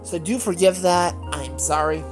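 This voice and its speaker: A gaming channel host with a lowish voice talks at a normal pace over gameplay, with music playing behind her. Her allergies leave her congested and nasal, and her casual chat meanders, full of fillers and self-corrections.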